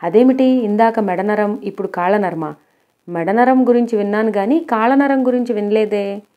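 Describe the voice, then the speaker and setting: A woman's voice: mid-range voice, moderate pace, warm tone, close to an everyday voice. A woman voicing a naive young female college student who keeps asking bewildered questions. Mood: puzzled.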